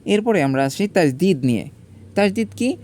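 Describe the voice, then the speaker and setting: A man gives a step-by-step grammar lesson in a mellow, slightly higher voice. He spells out each letter and vowel mark slowly. He poses his own questions and answers them at once. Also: lively intonation. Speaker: teacher.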